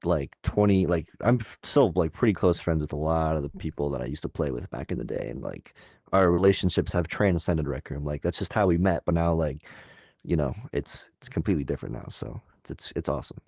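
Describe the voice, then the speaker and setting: A man of twenty-one chatting as a podcast guest, relaxed and rambling with lots of fillers. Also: very deep voice, fairly quick, creaky, slightly rough, no room sound, lo-fi sound. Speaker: guest filmmaker. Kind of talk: casual podcast chat.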